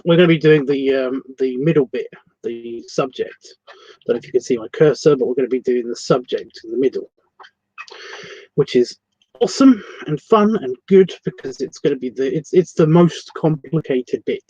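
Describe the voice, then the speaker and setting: A man's voice: mid-range voice, expressive, normal speed, dark tone, breathy edge, no echo. A man with a Scottish accent hosting a casual livestream art tutorial from his computer, rambling, correcting himself and swearing casually. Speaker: art class host. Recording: dry, slightly muffled lo-fi sound.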